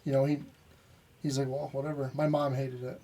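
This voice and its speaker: Plainspoken guest with a mellow voice. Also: male voice, medium pitch, flat delivery, normal speed, far from the mic. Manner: plainspoken, says "you know" often. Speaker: guest business owner. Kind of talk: casual podcast interview.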